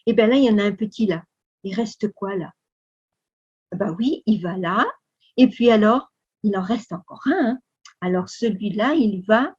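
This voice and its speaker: A woman with a French accent leading a children's Sunday school lesson, speaking slowly with exaggerated, exclamatory storytelling for kids. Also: fairly high pitch, a little mellow, slightly rough, highs cut off. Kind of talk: animated lesson for young children.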